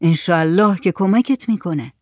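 A storyteller voicing a calm village man who speaks in a reassuring, matter-of-fact way. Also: sits high, dry recording, studio quality. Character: calm, steady village man, helpful friend.

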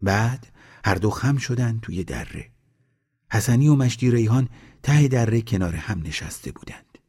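A male storyteller reads a folk tale aloud in a steady, measured way. His voice sits somewhat low and carries a husky, breathy grain. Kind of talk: scripted narration of a folk tale.

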